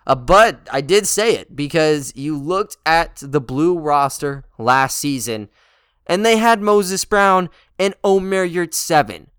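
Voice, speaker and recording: A man's voice: on the high side, slow, a bit bright, clear, resonant tone, dry recording, studio quality. A man hosting a sports podcast, giving casual, conversational basketball commentary. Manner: conversational, informal.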